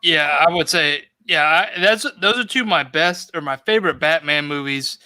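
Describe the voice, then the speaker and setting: A man's voice: on the high side, normal speed, pushed and bright, dry recording. A man chatting casually on a live video call, laid-back and opinionated. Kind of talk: casual chat.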